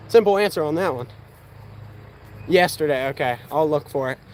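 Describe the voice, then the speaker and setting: On an outdoor livestream, an eighteen-year-old outdoors channel host with a Pennsylvania accent chats casually and takes viewer questions while shooting archery. His voice is a little high and a little mellow, and he talks at a slow pace. Faint outdoor noise sits in the background.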